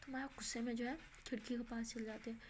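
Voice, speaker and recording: A woman's voice: a little high, little pitch movement, fast talker, a little mellow. A woman telling a love story in a casual, conversational way. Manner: conversational, informal.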